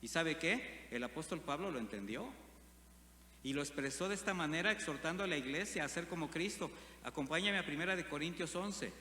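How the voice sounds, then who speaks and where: Man, pastor, sermon, raised pitch, bright forceful voice, questions the congregation. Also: lively intonation, a little fast. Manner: asks the congregation frequent rhetorical questions. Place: church hall. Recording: reverberant church hall with faint hum.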